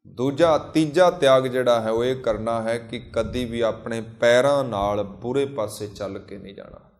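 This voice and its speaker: Preaching man in an echoey room. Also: medium pitch. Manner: chants scripture lines slowly between explanations; repeats phrases in lists. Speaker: Sikh preacher. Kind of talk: sermon.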